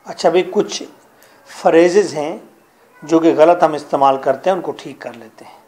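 A man's voice: on the high side, moderate pace, mellow. A middle-aged man with a Pakistani accent teaching a classroom English grammar lesson, drilling rules and quizzing his students.

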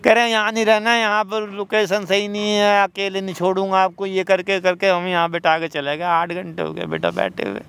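A man's voice: high voice, steady tone, moderate pace, creaky, hardly any pauses, a bit bright, smooth. An older man from Punjab, talking outdoors in the cold in a plaintive, tearful way and pleading for help. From Punjab, India. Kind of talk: casual conversation.

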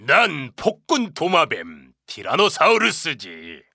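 An actor voicing a boastful, fierce tyrannosaurus in a children's animated story, growling and threatening. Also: mid-range voice, takes it slowly, dry recording, studio quality, full character voice. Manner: growling, menacing. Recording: loud music behind the voice.

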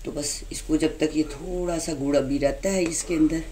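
A woman hosting a home cooking demonstration, explaining each step calmly and patiently. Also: sits low, normal speed, slight background noise. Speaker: cooking channel host. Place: home kitchen.

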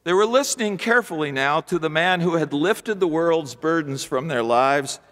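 An older man preaching a sermon from a church pulpit, with rhythmic, repetitive phrasing and emphatic pauses. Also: fairly high pitch, lively intonation, fairly bright tone. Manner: gestures broadly with both hands while preaching. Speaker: pastor. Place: large church sanctuary, at a wooden pulpit. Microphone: pulpit microphone. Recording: long church hall reverb.

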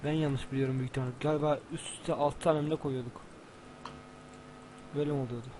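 Excitable young man, noisy gameplay recording. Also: mid-range voice, fast talker. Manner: excitable, swears and shouts at enemies. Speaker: gamer. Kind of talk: casual gameplay commentary.

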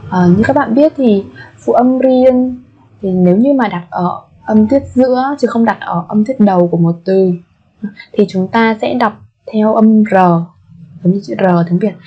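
Patient woman teacher, soft husky voice, dull recording. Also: medium pitch. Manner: patient, repeats each word slowly several times. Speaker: language teacher. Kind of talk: vocabulary lesson with repetition drills. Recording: muffled lo-fi recording.

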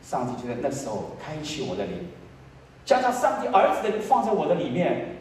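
A man's voice: wildly swooping pitch, fairly quick. Pastor in his sixties preaching in an echoey hall. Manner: swings between hushed low lines and loud high emotional peaks. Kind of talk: sermon with personal testimony. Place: church sanctuary. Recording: echoey church hall, voice from far off.

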